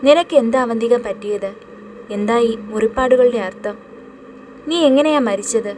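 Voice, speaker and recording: A woman's voice: on the high side, moderate pace, dark tone, slight background noise, natural voice. A woman reading the lines of a frightened young man who urgently questions a ghost in a horror audio story. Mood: insistent.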